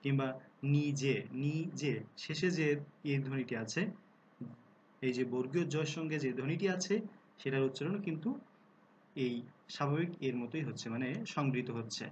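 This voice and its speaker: A man giving a recorded lesson on pronunciation, explaining rules, asking rhetorical questions and sounding out example words slowly. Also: medium pitch, slight background noise, rough recording. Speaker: Bengali language teacher.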